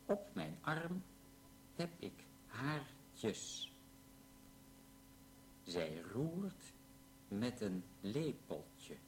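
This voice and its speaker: A man slowly reading short example sentences for a language lesson, pronouncing each one clearly. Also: mid-range voice, sing-song, slight background noise. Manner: slow, carefully pronounced sentences. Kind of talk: slow read-aloud language drill.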